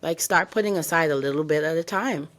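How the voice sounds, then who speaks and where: Speaking briskly in a deep, fairly bright voice, a young adult woman from the Bahamas chats on the podcast she co-hosts. She opens up frankly about her experiences and hands out advice.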